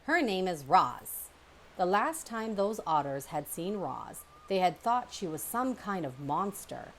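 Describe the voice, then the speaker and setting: A woman narrating a children's book aloud in an expressive storytelling manner. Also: fairly low pitch, unhurried, slight background noise. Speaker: storybook reader.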